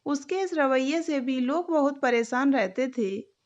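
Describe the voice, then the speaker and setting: A woman narrating a moral story in an even, deliberate reading voice. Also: sits high. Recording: dull lo-fi recording.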